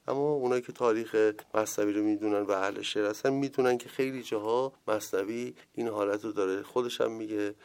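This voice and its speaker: A man teaching classical verse, explaining in plain talk and reciting lines slowly. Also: on the low side, a little mellow.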